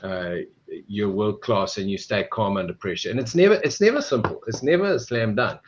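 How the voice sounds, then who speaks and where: A man's voice: on the low side, brisk, slight background noise. Guy ceo guesting on a podcast, rambles, keeps restarting, muffled lo-fi sound. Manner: rambling, full of restarts and "you know". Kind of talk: casual podcast interview. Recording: dull, lo-fi sound.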